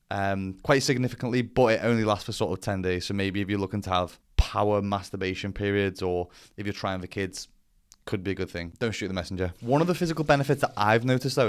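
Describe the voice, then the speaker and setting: A vlogger talks to camera in a casual explainer, speaking bluntly with some swearing and self-deprecating humor. His voice is lowish, clear and resonant.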